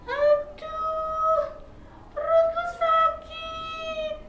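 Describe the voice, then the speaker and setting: A woman's voice: extremely high pitch, monotone, drawn-out words, pushed and bright, highs cut off, faint music behind, pitched above the performer's own voice, heavily acted. A woman voicing a small, greedy caterpillar who is sick and sorry, in a whiny, pleading voice. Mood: whimpering. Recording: echoey room, from far off.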